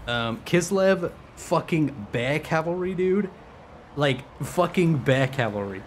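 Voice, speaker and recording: A man in his twenties live-streaming a strategy game, rambling and swearing with excitable casual commentary. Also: on the high side, takes it slowly, slight background noise. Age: 20s.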